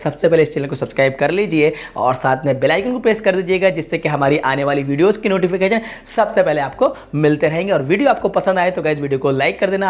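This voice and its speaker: A man hosting an English lesson, explaining syllable division slowly and repeating each word part by part. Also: on the high side. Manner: slow and repetitive, spells words out syllable by syllable. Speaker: English teacher, channel host.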